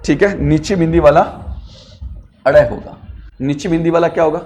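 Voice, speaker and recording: A male Hindi teacher, with a slightly higher voice than most men, lectures a class and keeps checking understanding by repeating questions. His delivery is patient and methodical, and each point is explained step by step. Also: normal speed, a little mellow.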